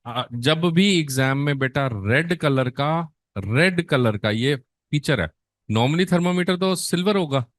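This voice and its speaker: A man's voice: medium pitch, no echo, clean studio sound. A middle-aged man teaching a nursing exam class, quizzing students in Hindi mixed with English and answering his own questions in a coaxing tone. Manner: coaxing, quizzes students and answers himself, calls them beta.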